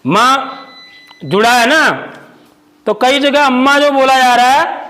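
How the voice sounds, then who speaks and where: A male school teacher in a classroom, teaching children and quizzing the class, repeating each word slowly. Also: extremely high pitch, bright, forceful tone, low-quality recording. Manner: asks the class questions and repeats words slowly.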